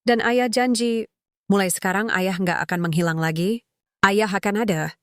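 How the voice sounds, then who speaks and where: A woman doing a gentle, remorseful father. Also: medium pitch, normal speed, clean tone, dry recording, clean studio sound, close to an everyday voice. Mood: reassuring. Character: humble, remorseful middle-aged father. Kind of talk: storybook dialogue.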